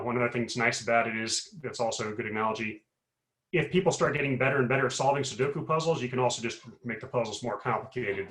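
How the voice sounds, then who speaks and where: A professor explaining on an echoey call. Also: male voice, mid-range voice, fairly bright tone. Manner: rambling, explanatory, frequent fillers and restarts. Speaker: guest speaker, professor. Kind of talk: explanatory talk on a webinar. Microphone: video call.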